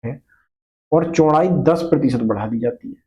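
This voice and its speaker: A man teaches a math class in Hindi sprinkled with English terms, walking patiently through each step, asking questions and repeating the key points. His voice sits on the high side and sounds mellow at a moderate pace, though the audio is dull.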